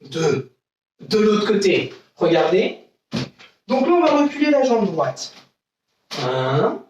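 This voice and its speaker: Male karate teacher, patient drill-caller, slow and steady, off-mic in an echoey training room. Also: high voice, distant mic, muffled recording, slight background noise. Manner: calls out short counts and commands; patient step-by-step instruction. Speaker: karate instructor. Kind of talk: live online karate class. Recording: roomy, voice from away from the mic.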